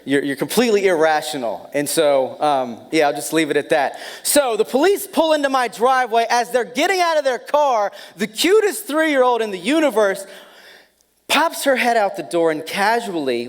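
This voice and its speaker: A man preaching a sermon as pastor, telling a personal story with animated, self-deprecating humor. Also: high-pitched, moderate pace. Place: church sanctuary. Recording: long hall reverb.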